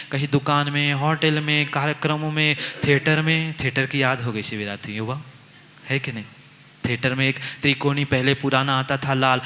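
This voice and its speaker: A man's voice: on the high side, pushed and bright. A Jain monk preaching a sermon, telling a story and often asking his listeners rhetorical questions and repeating key lines. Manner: storytelling with many repetitions.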